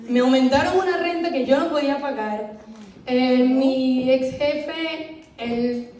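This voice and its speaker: A woman with a high, mellow voice tells her personal testimony in an earnest, emotional way. She is heard from a distance in an echoey church hall. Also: a little hiss or hum. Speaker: church member giving testimony. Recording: echoey room, voice from far off.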